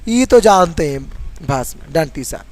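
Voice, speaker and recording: A man teaching a school chemistry lesson, asking the class questions and answering them himself, and reading chemical formulas out slowly letter by letter. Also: fairly high pitch, sing-song, no echo. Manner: repeats questions and drills answers.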